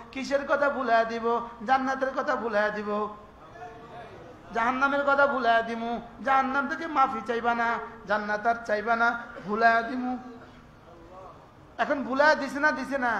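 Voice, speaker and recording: High-voiced male preacher in an echoey space. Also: bright, forceful tone, muffled recording. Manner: questions the crowd often, slow drawn-out chanting of prayers. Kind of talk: sermon. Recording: echoey with faint ambient noise.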